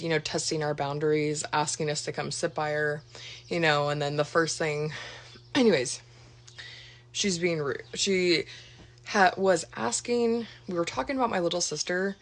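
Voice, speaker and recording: Low-voiced woman telling a raw story. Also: a little hiss or hum. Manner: rambling, profane storytelling full of fillers. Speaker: vlogger. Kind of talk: storytime vlog. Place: sitting on her bed at home.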